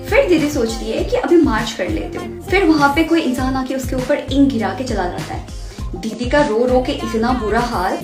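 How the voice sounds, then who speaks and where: Teasing woman over loud music. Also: high-pitched. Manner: teasing, mocking. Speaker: commentator. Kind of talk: mocking political roast. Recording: echoey room with loud music.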